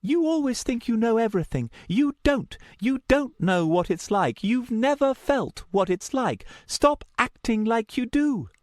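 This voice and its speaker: A man voices a frightened, defiant young woman in an audiobook story, pitching his high, animated voice above his own natural range. He's strained, emotional, insistent and angry, at a normal speed with a slightly mellow tone. The recording is dry and studio quality.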